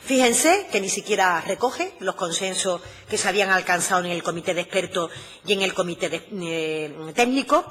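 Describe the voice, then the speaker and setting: Woman with a bright, sharp voice in an echoing chamber. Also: on the low side, animated. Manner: measured, emphatic, with frequent "eh" hesitations. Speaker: regional finance minister. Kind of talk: formal parliamentary address. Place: regional parliament chamber.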